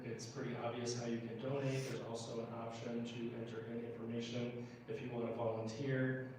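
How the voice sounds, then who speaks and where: A middle-aged American man from Minnesota speaks as a political candidate at an informal town hall, answering questions. His pitch stays even as he explains things, with halting pauses breaking up his speech. The clip was captured from a distance in an indoor public meeting room, so there's heavy echo and clear background noise.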